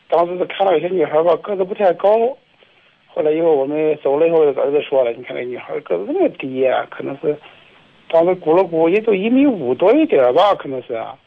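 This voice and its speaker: Man, middle-aged, radio caller, hesitant, fillers, tinny phone sound. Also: on the high side.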